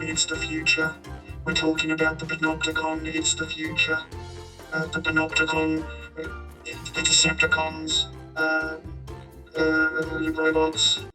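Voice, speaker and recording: A man's voice: a little high, pitched above the performer's own voice, low-quality recording. A man speaking through a metallic robot voice filter as a droning robot that announces the future. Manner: flat, droning, repetitive.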